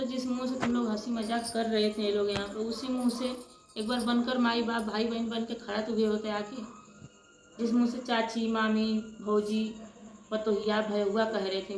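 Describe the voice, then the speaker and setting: A woman vlogger tells her own story to viewers with passion, often calling them friends. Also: a little high. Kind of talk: emotional personal storytelling to viewers. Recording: echoey room with loud ambient noise.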